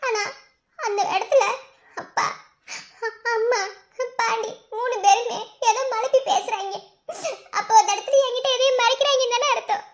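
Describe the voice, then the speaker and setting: A woman's voice: extremely high pitch, fairly even intonation, moderate pace, long pauses. A woman voicing a young village wife in a cartoon, speaking with a Madurai Tamil accent in a pleading, sobbing way. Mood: upset. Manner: pleading, sobbing between words. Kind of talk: cartoon voice acting. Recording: cartoon dialogue over background music.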